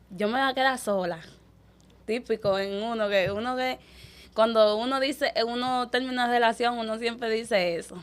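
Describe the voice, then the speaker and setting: A young woman, telling her life story as an interview guest, quick and animated, acting out the people she quotes. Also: a little high. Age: young adult. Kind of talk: emotional personal storytelling.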